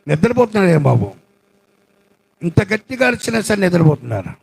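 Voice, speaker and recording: A male pastor preaching with passion, his high, gravelly voice rising and falling widely. He piles up repeated phrases and pointed rhetorical questions. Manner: impassioned, repetitive, rhetorical questions. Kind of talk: sermon. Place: prayer house.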